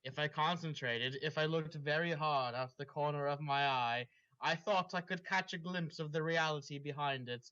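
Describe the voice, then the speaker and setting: On a dull, lo-fi recording, a story reader works through fan fiction and keeps breaking off to chat casually. He sounds a little high with a sharp tone and talks at a moderate pace.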